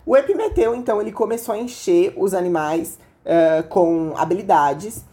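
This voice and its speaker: A woman's voice: medium pitch, lively intonation, moderate pace, warm tone. A woman with a Brazilian accent and a voice altered by an inflamed, sore throat, hosting a podcast in a casual, chatty storytelling style that speaks straight to listeners. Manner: chatty, informal, addresses listeners directly. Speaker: podcast host.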